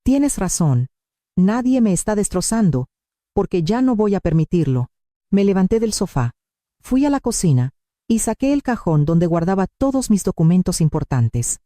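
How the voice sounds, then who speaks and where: A woman narrating a dramatic story in the first person, steady and emphatic. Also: mid-range voice, no echo, studio quality.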